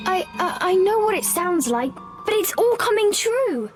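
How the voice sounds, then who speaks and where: A woman's voice: very high voice, big pitch swings, a little slow, over music, full character voice. A woman voicing a young girl witch, earnest and a little shy, in a storybook game.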